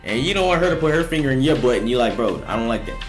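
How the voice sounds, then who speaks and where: Animated young frat-bro guy, crude streamer slang. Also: medium pitch, racing, faint music behind. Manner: frat-bro talk, crude and jokey, peppered with "bro"; animated, emphatic, repeats himself for effect. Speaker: streamer reacting to viewer confessions. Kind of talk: casual livestream chat, slangy.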